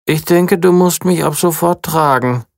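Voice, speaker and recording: A storyteller voicing a whiny young princess in a children's story, pleading and sulky. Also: female voice, low-pitched, measured pace, vocal fry, darkish tone, no room sound, studio quality, pitched above the performer's own voice.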